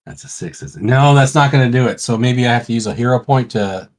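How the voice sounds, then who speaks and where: Guy at a tabletop game, rambling, thinking out loud, mid voice. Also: mid-range voice, fast. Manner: rambling, thinks aloud with fillers. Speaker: player. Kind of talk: casual tabletop game play.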